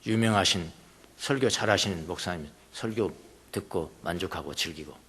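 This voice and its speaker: A man's voice: deep voice, moderate pace, fairly bright tone, slightly rough. A male pastor preaching a sermon, emphatic, repeating phrases and putting questions to the congregation. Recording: long church hall reverb.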